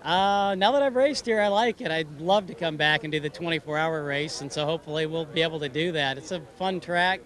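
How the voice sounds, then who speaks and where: A man's voice: on the high side, brisk, few pauses, fairly bright tone. A man, a race driver, speaking candidly in a post-race interview outdoors at a track. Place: outdoors at a racetrack.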